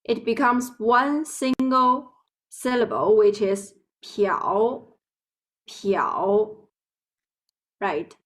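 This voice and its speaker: A woman with a Chinese accent, a Mandarin speaker from Beijing, gives an online language lesson. She talks slowly and carefully, drawing out her example words. Her voice sits a little higher than most. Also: lively intonation, poor audio. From Beijing, China. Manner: slow, careful explaining with drawn-out example words. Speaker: Chinese teacher.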